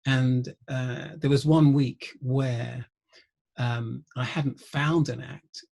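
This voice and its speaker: A middle-aged man, a guest musician and researcher, telling wry anecdotes in an interview, often pausing with ums. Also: medium pitch, fairly even intonation, gravelly, a little mellow. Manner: anecdotal, wry, laughs through stories, frequent ums. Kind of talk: conversational interview storytelling.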